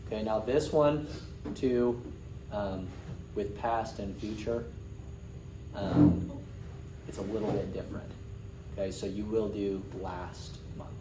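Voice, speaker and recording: A man with a fairly low voice teaches a class in a casual way, repeating short phrases and pausing to check understanding. He is picked up from a distance in an echoey room, with clear noise behind him. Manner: patient, repeats key words, checks understanding. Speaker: sign language class teacher. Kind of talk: informal classroom instruction. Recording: roomy, distant mic with clear background noise.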